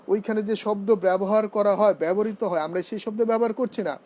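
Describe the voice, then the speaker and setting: A man teaching a seminar lecture on pronunciation, who drills words slowly and asks and answers his own questions. He is earnest and grows emphatic when he corrects usage. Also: high voice, darkish tone.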